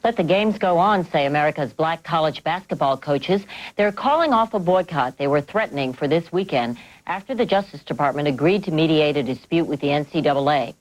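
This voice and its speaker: A woman's voice: deep voice, expressive, brisk, few pauses, low-quality recording. A woman reading scripted news items as a broadcast anchor.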